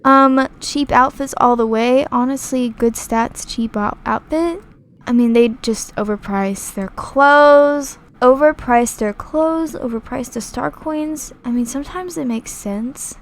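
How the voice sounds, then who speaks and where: A woman's voice: sits high, measured pace. A young woman chatting casually over gameplay, rambling with many fillers and restarts, reading viewer comments aloud. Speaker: gaming YouTuber.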